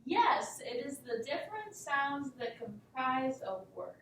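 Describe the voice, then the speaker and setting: Woman teacher, high voice, slow patient delivery; very echoey room, mic at a distance. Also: very animated, fairly bright tone, a little hiss or hum. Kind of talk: mock classroom lesson.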